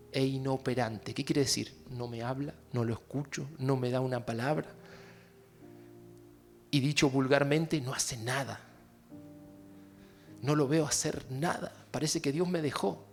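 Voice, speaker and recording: A man preaching a sermon in an Argentine Spanish accent, addressing the congregation directly and moving between hushed and loud, impassioned passages. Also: medium pitch, steady tone, a little slow, long pauses, soft background music. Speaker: pastor.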